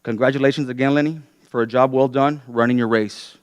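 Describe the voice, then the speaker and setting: Man, outgoing local official, smooth clear voice, dry close sound, measured farewell remarks at a meeting. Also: medium pitch, steady tone, dry recording, lo-fi sound. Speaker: outgoing city commissioner. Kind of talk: prepared farewell speech. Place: city council meeting.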